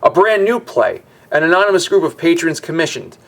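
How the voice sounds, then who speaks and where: A man's voice: on the high side, expressive, fairly quick, fairly bright tone, pitched above the performer's own voice. A man reading as an alien theater announcer. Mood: announcing. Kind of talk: reading game dialogue aloud.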